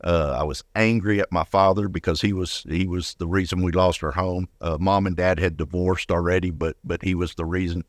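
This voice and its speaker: An older man, a retired firefighter, is the guest in an interview, telling personal stories in a relaxed way and often repeating words as he talks. His voice is low and steady, a little fast, with few pauses. The recording is studio quality with no echo.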